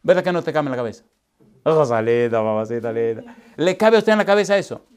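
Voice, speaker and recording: A man's voice: sits high, rapid-fire, smooth. A man, a pastor, teaching a seminar on preaching, calling out questions to his listeners and drilling points with emphatic repetition. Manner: call-and-response questions to the audience; animated, folksy preacher's delivery with emphatic repetition.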